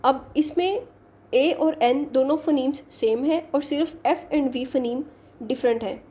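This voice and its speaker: A woman teacher walks through exam material in a high, mellow voice. She speaks unhurriedly, switching between English terms and Hindi-Urdu as she explains each point. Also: a little slow. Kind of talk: exam-prep lecture.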